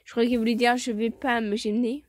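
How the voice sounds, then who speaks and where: A woman's voice: fairly high pitch, little pitch movement, a little fast, no echo, studio quality. A woman casually reading a fan story aloud, stumbling over words, correcting herself and mocking her own reading. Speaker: fan fiction reader.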